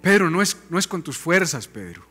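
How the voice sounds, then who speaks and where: A man voicing a calm, grave teacher who gently rebukes a disciple, speaking slowly and solemnly. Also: on the high side, slightly rough, faint music behind, voice pushed down, full character voice. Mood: gentle rebuke. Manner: slow, hushed and solemn.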